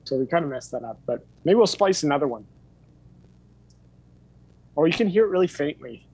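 A man in his thirties with a warm, fairly high voice speaks at normal speed, animated as he gives an informal hands-on workshop and thinks aloud while demonstrating. The rough recording comes from a home studio room full of tape gear.

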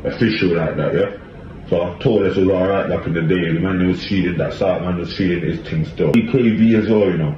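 A man's voice: low voice, steady tone, a little fast. A man with a south London style accent giving a casual, emphatic opinion monologue in street slang, full of repeated tag questions. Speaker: commentator. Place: small tiled room indoors. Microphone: phone at arm's length. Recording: muffled, echoey small room with faint noise.

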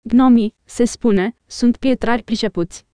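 Old male warrior, commanding, rallying, mellow tone, woman reading. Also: on the high side, no echo, studio quality, natural voice.

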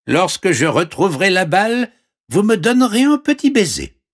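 A man's voice: sits high, big pitch swings, moderate pace, pitched above the performer's own voice. A man voicing a small warty green frog, polite but insistent, in a storybook reading.

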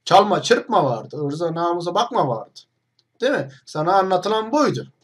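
A man's voice: high voice, sing-song, normal speed, slightly rough. A young man hosting an online video, talking straight to the camera in a mocking, combative monologue full of rhetorical questions.

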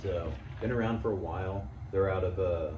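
Low-voiced man chatting in a noisy room. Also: normal speed. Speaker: co-host of a product review. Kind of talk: casual review chat. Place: small indoor room, seated. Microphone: camera a few feet away. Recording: roomy, distant mic, noisy background.

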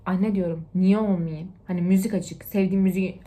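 A young woman talking casually to her viewers in a lively, lecturing way, swinging between loud and hushed. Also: lowish voice, fairly quick. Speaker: TikTok vlogger. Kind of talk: casual motivational chat to camera.

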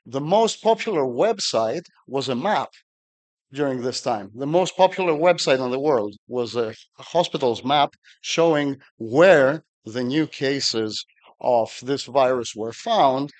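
A man's voice: mid-range voice, lively intonation, measured pace. A middle-aged man from Greece, giving a technical conference talk at a podium with dry humor and frequent fillers. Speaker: conference speaker.

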